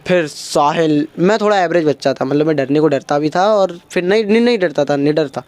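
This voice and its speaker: A man's voice: a little high, brisk, darkish tone. A young man doing stand-up, telling a childhood story and acting out his friends' lines. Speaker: stand-up comedian.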